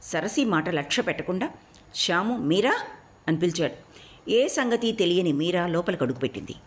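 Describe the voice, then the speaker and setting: A woman narrating an audiobook story in an expressive, measured reading. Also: fairly low pitch.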